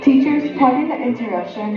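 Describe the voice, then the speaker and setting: A woman making a formal announcement to teachers over a school intercom loudspeaker. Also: high-pitched, a little fast, music in the background. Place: classroom, heard through a wall speaker. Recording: dull echoey intercom speaker heard across a classroom.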